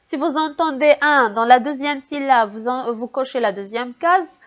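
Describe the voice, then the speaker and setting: A woman teaching a recorded reading lesson to young children, speaking slowly and carefully and repeating each word so the pupils can hear the sounds. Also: high-pitched, lo-fi sound. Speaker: primary school teacher.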